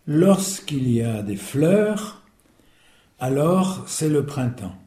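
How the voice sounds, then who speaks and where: A man student in a language lesson, calmly translating sentences aloud. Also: medium pitch, very slow, echoey room.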